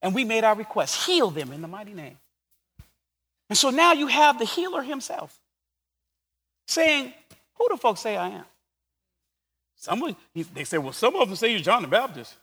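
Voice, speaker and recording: Middle-aged male pastor, very high bright voice, lively sermon delivery, long hall reverb. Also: moderate pace, pauses often. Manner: preaching, builds to shouts.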